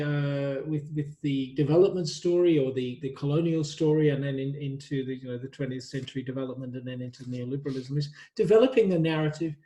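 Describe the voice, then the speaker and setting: A man's voice: a little high, warm tone, roomy sound. A man lecturing a university workshop, thinking aloud with many fillers and restarts.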